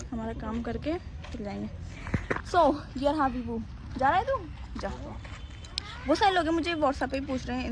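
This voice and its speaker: Chatty vlogger woman, slightly high voice. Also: noisy background. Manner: chatty, mixes English words into Hindi. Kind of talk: casual vlog chat.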